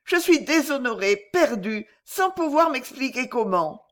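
A woman voicing a distraught, fragile young woman in a classic novel reading, speaking high, breathless and pleading. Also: very animated, a little slow. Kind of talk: audiobook character reading.

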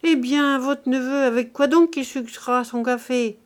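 A woman's voice: high-pitched, moderate pace, pitched above the performer's own voice, natural voice. A woman voicing a blunt, stubborn peasant servant woman who speaks her mind. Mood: insistent.

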